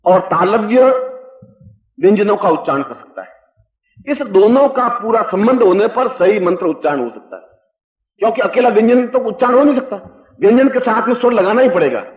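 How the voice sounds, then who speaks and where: An older spiritual teacher with a high-pitched voice gives a discourse, explaining things slowly and emphatically and chanting Sanskrit verses. The recording comes from an old hall and sounds dull and echoey.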